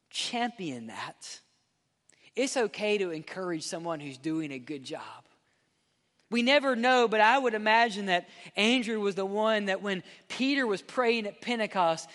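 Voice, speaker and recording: A man preaching a sermon as pastor, with impassioned delivery that climbs to loud high peaks and sinks to soft endings. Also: big-room sound.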